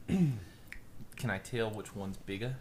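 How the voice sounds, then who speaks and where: A man's voice: on the low side, darkish tone. A man playing a tabletop game, joking and mocking himself. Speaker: player. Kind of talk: casual tabletop play. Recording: noticeable background hiss.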